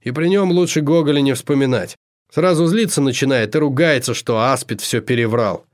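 A man's voice: mid-range voice, moderate pace, lightly acted. A man voicing a theatrical male host of a party of nonhumans, announcing in a raised, showy voice.

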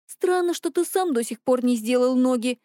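A woman's voice: sits high, animated, moderate pace, dark tone, dry recording, studio quality. A woman voicing a dazed teenage boy who speaks in a sluggish, bewildered way.

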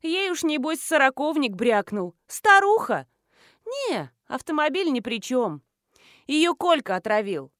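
A cheeky young village woman chatters in a high, bouncy voice, mocking and brash, as a woman narrator puts her on. The recording is dry and close. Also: sing-song, measured pace, a bit bright, no room sound, full character voice. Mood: chatty, mocking.

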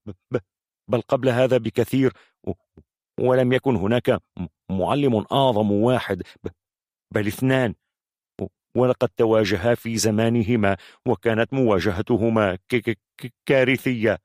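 A man's voice: mid-range voice, moderate pace, pauses often, a little mellow, no room sound, clean studio sound, lightly acted. A man voicing a nervous male storyteller of hidden lore who stammers heavily on his first sounds. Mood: nervous, secretive. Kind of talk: audiobook character voice.

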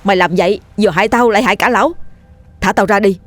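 A woman's voice: lowish voice, moderate pace, a little mellow, dry recording, natural voice. A woman voicing a frightened, desperate village man who begs and then turns stern. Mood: pleading.

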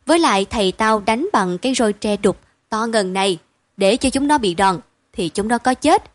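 A woman's voice: a little high, expressive, dry recording, lightly acted. A woman reading aloud and voicing a spirited poor village girl, the eldest sister, blunt and caring. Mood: matter-of-fact. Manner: brisk, blunt and matter-of-fact.

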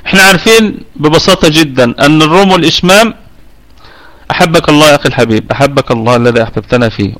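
A man's voice: mid-range voice, fairly bright tone. A middle-aged man with an Egyptian Arabic accent giving a live online tajweed lesson, explaining patiently and often correcting himself mid-sentence. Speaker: Quran recitation teacher.

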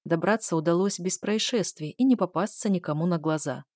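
A woman reading an audiobook aloud, telling a first-person story in a lively way and voicing the dialogue. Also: lowish voice, a little fast, no echo, clean studio sound. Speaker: audiobook narrator. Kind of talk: audiobook narration.

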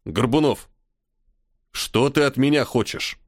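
A man's voice: mid-range voice, a little slow, no room sound, studio quality, natural voice. A man voicing a sarcastic, irritable army colonel. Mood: irritated. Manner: sarcastic, commanding, weary sighs. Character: irritable stern male army colonel, ironic boss. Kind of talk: audiobook character voice.

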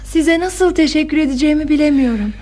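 An actress playing a cool-headed young daughter. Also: female voice, high-pitched, fast, close to an everyday voice. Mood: eager, polite. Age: young adult. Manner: calm, teasing, self-assured. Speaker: radio drama actress. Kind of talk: 1960s Turkish radio theatre acting.

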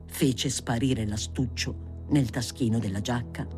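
An audiobook reader narrating a literary novel in an expressive, theatrical way. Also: medium pitch, a little slow, loud music behind the voice. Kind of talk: scripted reading of a novel.

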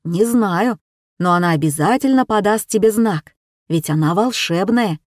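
A woman reading aloud voices a patient father, speaking calmly and reassuringly to his small daughter. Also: medium pitch, normal speed, no room sound, clean studio sound, close to an everyday voice. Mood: gentle. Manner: calm, soft and reassuring.

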